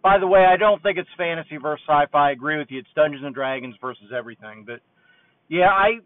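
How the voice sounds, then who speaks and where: High-voiced man on a tinny car phone line. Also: fast talker, no echo. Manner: relaxed and chatty, thinks aloud. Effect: low-quality hands-free phone line. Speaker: caller leaving a voice message. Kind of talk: casual rambling chat. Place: driving in a car. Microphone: car hands-free phone mic.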